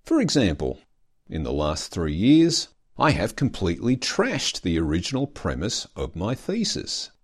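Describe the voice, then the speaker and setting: A man with a deep, low voice narrates his podcast from a script. His intonation rises and falls in a lively way, and his humor is dry and self-mocking. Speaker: podcast host, doctoral student.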